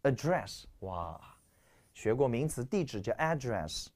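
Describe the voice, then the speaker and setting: Animated male English teacher, stuffy nose. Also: mid-range voice, takes it slowly. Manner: lively, animated explaining with rhetorical questions. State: stuffy nose, clearing throat. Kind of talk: lecture.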